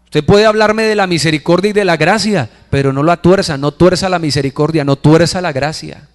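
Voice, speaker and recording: Male pastor, sermon, higher-pitched voice, reverberant church hall. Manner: preaching with rhetorical questions, slowing to stress scripture.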